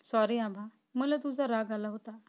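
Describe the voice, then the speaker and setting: A woman's voice: fairly high pitch, normal speed, a little mellow, lightly acted. A woman voicing an obsessive, possessive young man who swings between pleading and threatening in a storybook reading. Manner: pleading then threatening, intense.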